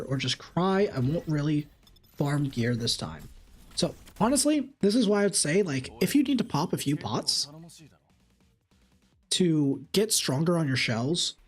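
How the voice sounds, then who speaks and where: With a slightly raspy, higher-pitched voice, a man streams a game live and reads chat questions aloud. He replies to each in an animated manner.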